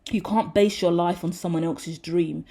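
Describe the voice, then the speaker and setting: A woman in her thirties doing a casual tarot reading, blunt and candid as she rambles on. Her voice sits a little low and sounds warm and mellow. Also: steady tone, moderate pace. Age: 30s. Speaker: tarot reader.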